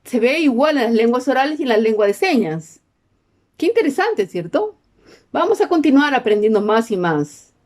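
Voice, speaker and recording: A woman teaches a class in an explanatory tone, her voice sitting somewhat high. Her pitch swings widely as she explains. She keeps pulling her listeners in with short questions. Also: very animated, normal speed, darkish tone. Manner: peppers sentences with questions to the class. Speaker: sign language teacher.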